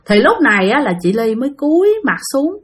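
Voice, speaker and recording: A woman with a Southern Vietnamese accent tells a ghost story in a loose, chatty way. She keeps turning to her listeners directly, and her voice sits a little high. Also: big pitch swings, brisk, slightly rough. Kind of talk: spoken ghost-story narration.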